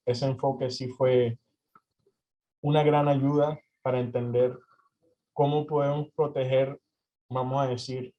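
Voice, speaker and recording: A man's voice: medium pitch, mellow. A young man from Venezuela answering interview questions, hesitant with many fillers and restarts. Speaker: interview guest. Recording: slightly dull lo-fi audio.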